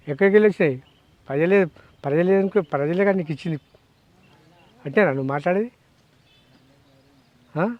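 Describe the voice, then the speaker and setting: A man, a farmer with a Telangana Telugu accent, angrily scolds someone and fires off rhetorical questions. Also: on the high side. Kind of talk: angry rant to camera. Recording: dull dry lo-fi sound.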